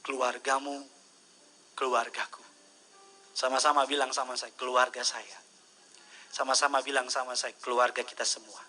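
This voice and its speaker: A middle-aged man from Indonesia preaching a sermon as pastor, swinging from loud, high-pitched calls to hushed, near-whispered words and slipping English phrases in. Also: little pitch movement, normal speed, long pauses, faint music behind, low-quality recording.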